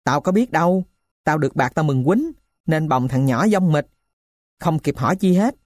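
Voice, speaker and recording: Woman reading as a gruff poor male thief. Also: low-pitched, lively intonation, normal speed, darkish tone, dry recording, studio quality. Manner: rough, blunt storytelling. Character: poor middle-aged male thief telling his tale.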